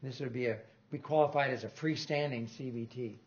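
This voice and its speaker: With a darkish, medium-pitched voice and a fairly quick pace, an older man lectures informally on loudspeaker design as a guest in a lecture room. He rambles, corrects himself, and lets out small chuckles. The recording's highs are cut off.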